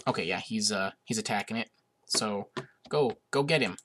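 Still sniffling from a cold, a young gaming host gives casual let's-play commentary in a fairly low-pitched voice at a moderate pace. He's chatty and amused, though full of hesitations and uhs, and the background is noisy.

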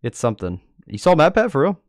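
A young man hosts a livestream from a desk in an indoor room, giving casual reaction commentary and joking with his chat over background music. His voice is on the high side and sing-song, and he talks fast; the recording is dry and studio-clean.

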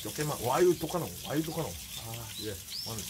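A man's voice: medium pitch, animated, brisk. A man, talking while chewing and muttering to himself between bites as he eats on camera. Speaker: mukbang vlogger. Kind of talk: casual eating broadcast. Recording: noisy kitchen sounds behind.

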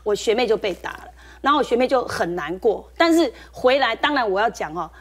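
A woman with a Taiwanese Mandarin accent, a nurse guest on a talk show, explaining briskly with a laugh now and then. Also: a little high, lively intonation.

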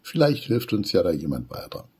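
A man reading aloud and voicing a quick, cheeky male squirrel in a brisk, bossy way. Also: deep voice, very animated, darkish tone, slightly rough, full character voice. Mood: lively. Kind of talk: storybook reading.

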